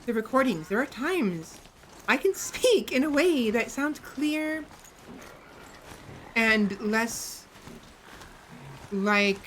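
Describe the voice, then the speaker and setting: A soft-spoken woman with vocal fry and a mid-range voice, with a little hiss or hum in the audio. She's a VTuber casually chatting while livestreaming a game, speaking softly and hesitantly into a close desk mic, self-reflective and often restarting her sentences.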